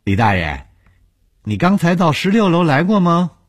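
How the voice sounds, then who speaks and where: A man's voice: a little high, very animated, moderate pace, voice pushed up. A man voicing a nervous young man who stammers out anxious questions.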